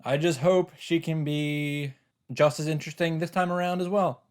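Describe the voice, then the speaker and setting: A man with a slightly high voice narrates a visual novel at a moderate pace, his tone steady, chiming in with casual remarks as a let's-play host while game music plays.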